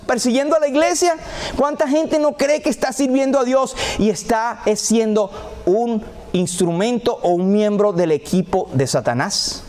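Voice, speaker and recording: A male pastor with a high-pitched voice delivers a sermon. He preaches with feeling and acts out quoted prayers, his pitch swinging up and down as he speaks. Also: darkish tone.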